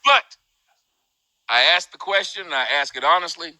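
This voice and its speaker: Male live-stream host, bright edgy tone, dry close mic, animated and喜 casual. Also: normal speed, dry recording, poor audio. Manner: animated, swings high and loud when mocking. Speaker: host of a live group discussion.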